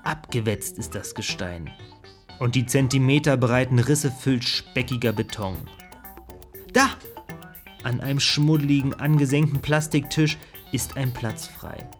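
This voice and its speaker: A man giving scripted audiobook narration in a vivid, expressive storytelling manner. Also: mid-range voice, measured pace, faint music behind.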